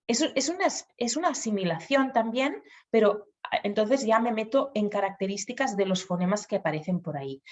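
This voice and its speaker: A woman's voice: medium pitch, a little mellow, highs cut off. A woman speech therapist patiently explaining children's speech sounds to parents, acting out the sounds aloud.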